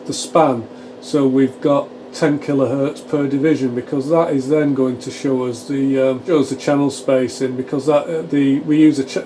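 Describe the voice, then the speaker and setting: In a small home electronics workshop, a man with a mid-range voice narrates live as he works, explaining each step and thinking aloud; he presents a radio repair channel and this is an informal technical demonstration. Steady fan and equipment hum from the test gear's cooling fans fills the background.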